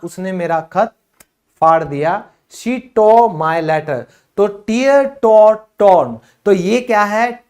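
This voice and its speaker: A man teaching English vocabulary in a casual, chatty way, speaking to viewers as friends and saying each example sentence slowly and carefully. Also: high voice.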